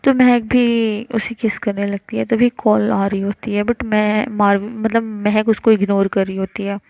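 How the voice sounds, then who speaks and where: A woman's voice: medium pitch, level tone, unhurried, creaky, a little mellow, dry recording, muffled recording. A woman telling a love story in casual narration, rambling with many filler words and self-corrections.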